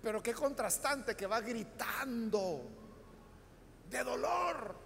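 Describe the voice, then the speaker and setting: Salvadoran pastor guy, really high bright voice, explaining scripture and asking the church questions, long echo off the hall. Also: expressive, takes it slowly, gravelly, a little hiss or hum. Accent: Salvadoran Spanish. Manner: explanatory, addresses the congregation with rhetorical questions. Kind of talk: Bible study sermon.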